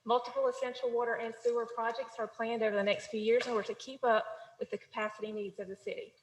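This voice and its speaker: A woman on city staff reads through budget figures in a steady, businesslike manner. Her voice sits a little high. It carries a roomy echo and a long reverb tail from the council chamber. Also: quick pace, slight background noise. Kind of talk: formal budget presentation.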